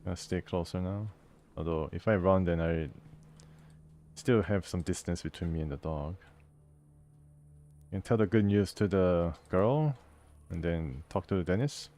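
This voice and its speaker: In a deep, unhurried voice that pauses often, a man plays a role-playing game and chats casually about it. He reads the on-screen text aloud and thinks out loud, sounding amused.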